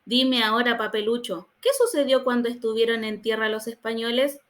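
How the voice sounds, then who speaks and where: A woman's voice: on the high side, steady tone, normal speed, lightly acted. A woman reading as a patient schoolteacher. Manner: gently corrective, questioning. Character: patient female schoolteacher quizzing a boy. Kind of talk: storybook reading.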